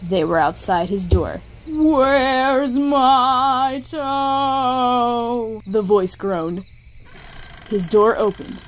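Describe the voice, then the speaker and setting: A woman narrating a scary story in a slow, drawn-out, suspenseful reading. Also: medium pitch, mellow, a little hiss or hum.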